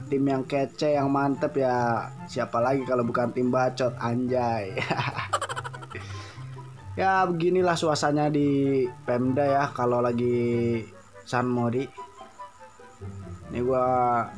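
A young man speaking Jakarta colloquial Indonesian, giving a rambling, joking voice-over commentary as a motovlogger. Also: on the high side. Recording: background music under voice.

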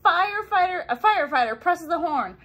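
A young woman with a very high voice reads a picture book for kids a little fast, against a noisy background. She's animated, voicing the sound effects and exclamations and giving simple explanations.

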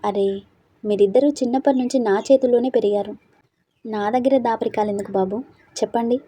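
A curious, motherly older housekeeper played by a woman narrator in a storybook reading. She pries with eager questions in a dark, husky voice. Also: fairly high pitch, steady tone, brisk. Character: nosy older female housekeeper.

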